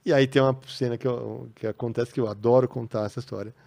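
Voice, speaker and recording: A man with a Brazilian Portuguese accent, a podcast guest telling stories in a casual, animated way. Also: mid-range voice, quick pace, gravelly. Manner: animated, acts out quoted voices. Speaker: podcast guest, comics writer. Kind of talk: casual storytelling. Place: podcast studio.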